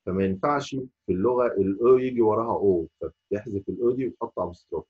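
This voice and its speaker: A man with an Egyptian Arabic accent teaching a French lesson, saying each letter slowly and repeating it. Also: on the low side, husky, phone-quality sound. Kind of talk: spoken language lesson.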